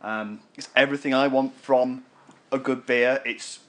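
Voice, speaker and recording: A man's voice: medium pitch, fairly even intonation, unhurried, fairly bright tone. A man co-hosting a casual beer review chat, easygoing and knowledgeable about brewing and yeast. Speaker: beer podcast co-host.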